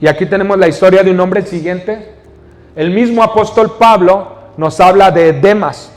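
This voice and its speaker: A man's voice: high voice, normal speed, darkish tone, long reverb tail. A male pastor with a Mexican Spanish accent preaching a sermon in a church, reading scripture and explaining it with questions to the congregation. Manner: teaching, reads scripture then explains, asks the congregation questions. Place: church hall.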